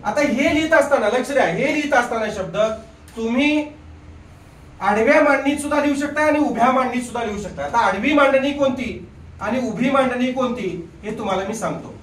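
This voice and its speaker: High-voiced male teacher quizzing a classroom. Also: fairly bright tone, a little hiss or hum. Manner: drills students with quick questions, repeats "बघा". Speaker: grammar teacher. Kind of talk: live classroom lesson. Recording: echoey room from a distant mic.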